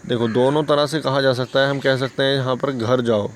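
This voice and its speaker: A man's voice: medium pitch, fairly even intonation, a little fast, a little hiss or hum. A man teaching an English lesson for beginners, patiently explaining and answering his own questions.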